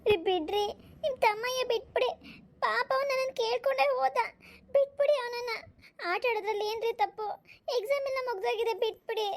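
A woman's voice: very high voice, a little fast, pitched above the performer's own voice. A woman doing a worried protective cartoon mother. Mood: pleading. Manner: pleading, gently reproachful. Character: kind worried mother, protective of her children.

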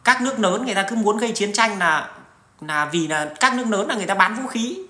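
A man's voice: high-pitched, animated, quick pace, bright, forceful tone. A middle-aged man, talking to his viewers in a blunt, coarse, rambling monologue full of restarts and swearing. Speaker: vlogger. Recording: roomy echo.

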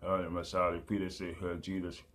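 A man preaching and praying in a rambling, halting way, repeating pleas over and over with many fillers. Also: low-pitched, completely flat delivery, a bit bright.

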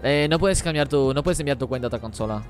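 A man streaming a game live, talking rapidly as he reads and answers the chat. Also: mid-range voice, faint music behind. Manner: rapid-fire talk while reading chat. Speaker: gaming streamer.

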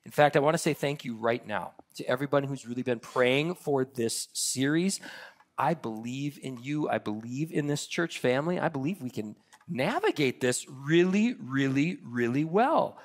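A man's voice: mid-range voice, expressive, moderate pace. Upbeat pastor leading his congregation. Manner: upbeat, leads audience participation with laughs. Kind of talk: sermon. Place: church.

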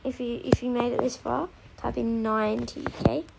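A woman giving casual, excitable commentary while streaming a game, repeating herself and talking to her chat. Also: fairly high pitch, moderate pace, creaky, heavy background noise.

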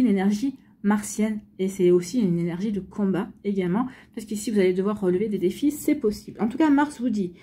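Woman, tarot reader, warm tone, breathy, rambling and repetitive. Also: mid-range voice. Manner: chatty, repetitive, many fillers and restarts. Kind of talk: weekly astrology card reading.

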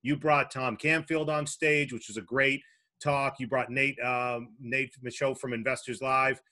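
A man's voice: mid-range voice, fairly even intonation, unhurried, sharp tone. A man hosting a casual chat, talking in loose, rambling sentences with frequent restarts and some swearing. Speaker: host.

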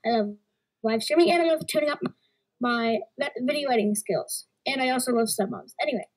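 A woman's voice: on the high side, brisk. A woman playing contestant in a pretend game show, impatiently interrupting and pushing the host to repeat.

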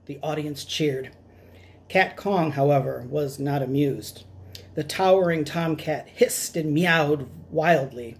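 Reading storytime at home in a small indoor room, this middle-aged man dramatizes a children's picture book. He speaks slowly, his voice on the high side.

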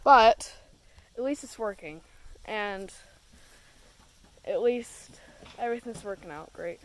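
A woman's voice: mid-range voice, slow pace, dry recording. A woman narrating a casual farm vlog outdoors, explaining her projects as she works, recorded on a handheld phone. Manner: relaxed, explains while working. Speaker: vlogger.

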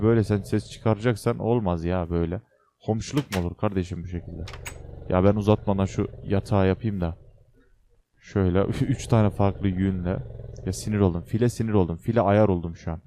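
A young man with a low, mellow voice chats his way through a building game, joking with viewers and grumbling at creatures on screen. A faint hiss and some clicking sit under his casual commentary. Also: steady tone, moderate pace. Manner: chatty, talks to viewers and the game, jokey exclamations. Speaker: gaming channel host. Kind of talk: casual Minecraft let's play commentary.

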